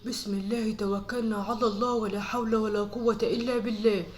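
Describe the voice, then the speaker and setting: A woman voicing a busy, pious Egyptian father with a rapid-fire way of talking in a family skit. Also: a little high, steady tone, close to an everyday voice. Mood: muttering prayers.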